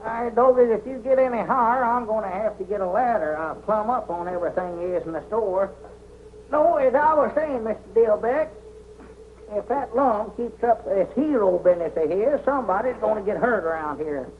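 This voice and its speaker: An actor playing a gullible old country storekeeper with a drawl, folksy and quick to holler, in 1940s film comedy. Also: male voice, high-pitched, expressive. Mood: grumbling. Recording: tinny, hissy 1940s film soundtrack.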